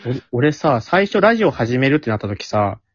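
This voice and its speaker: Male podcast host, animated, teasing letter-reader, dry lo-fi sound. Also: medium pitch, moderate pace, husky, no echo. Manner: teasing, reads letters aloud with playful emphasis. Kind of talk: casual chat.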